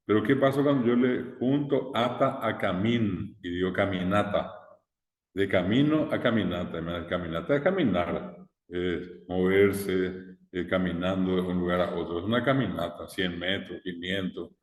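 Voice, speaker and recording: Deep-voiced man teaching class. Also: normal speed. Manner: explains step by step with frequent "eh" and rhetorical questions. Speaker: language teacher. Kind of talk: recorded online class lecture. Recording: echoey room with long reverb.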